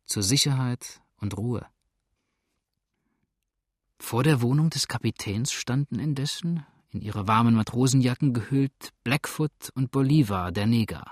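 A man narrating an audiobook in a measured, even way. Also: mid-range voice, no echo, studio quality. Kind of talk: audiobook reading.

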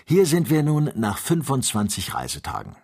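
A man's voice: mid-range voice, wildly swooping pitch, normal speed, darkish tone, breathy edge, pitched above the performer's own voice, heavily acted. A man reading the part of a cheerful, mocking male servant on a balloon journey in an audiobook. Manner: jubilant and mocking, raised voice.

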